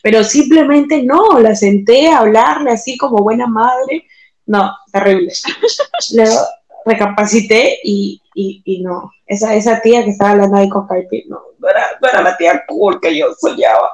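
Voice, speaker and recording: A woman's voice: on the high side, normal speed. A young woman with a Peruvian Spanish accent co-hosting a podcast, trading playful, teasing banter in casual chat. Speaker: podcast co-host. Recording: roomy echo.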